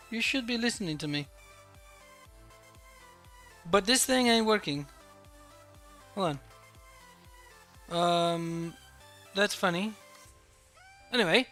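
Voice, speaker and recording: A man's voice: sits high, bright, forceful tone. A man streaming live, chatting casually and greeting his viewers one by one, often repeating words as he talks. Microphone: desk microphone.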